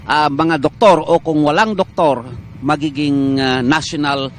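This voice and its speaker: A man with a Filipino accent speaks as a guest doctor on a morning television program. His voice sits a little high, and he explains in a careful, measured way, often pausing on "ah." A faint hiss runs under the studio sound. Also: fairly even intonation. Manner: measured, explanatory, frequent "ah" fillers. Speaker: doctor of a medical association, guest. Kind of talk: morning TV interview.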